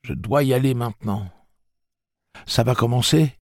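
A man's voice: mid-range voice, unhurried, a little mellow, no room sound, studio quality, voice pushed up, lightly acted. A man voicing a frightened young man who speaks as if in a trance, in an audiobook. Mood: haunted. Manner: haunted, urgent.

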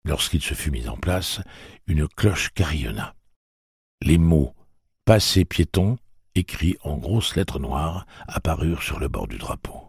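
A man reading a novel aloud as audiobook narrator, in a measured, even way. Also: a bass voice, creaky, husky, no echo, clean studio sound.

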